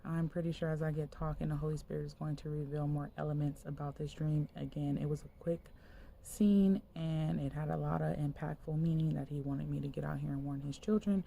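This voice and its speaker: A woman's voice: low-pitched, steady tone, a little fast, gravelly, mellow, slight background noise. A woman minister giving a casual spoken sermon, retelling a dream in a loose, conversational way full of fillers.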